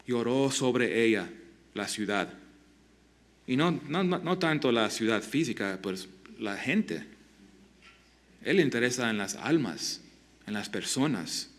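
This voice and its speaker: Male pastor, mid-pitched, earnest sermon delivery, halting restarts, direct questions to congregation. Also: animated.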